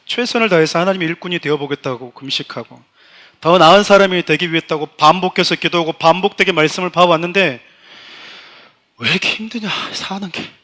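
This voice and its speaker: A man's voice: high voice, a little fast, pushed and bright. A middle-aged man, a pastor, preaching a sermon and telling a personal story with strong emotion, often addressing the congregation directly.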